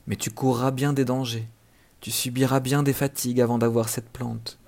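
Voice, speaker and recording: A man voicing a kind female fairy in a storybook reading, speaking softly and gently. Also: medium pitch, level tone, normal speed, close to an everyday voice. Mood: gentle. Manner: soft, gentle.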